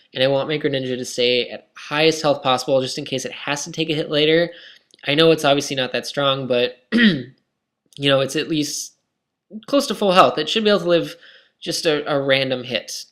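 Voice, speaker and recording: A young gaming commentator with a medium-pitched, fairly bright voice talks through his own online match. He rambles casually and criticizes himself, sounding tired and scratchy.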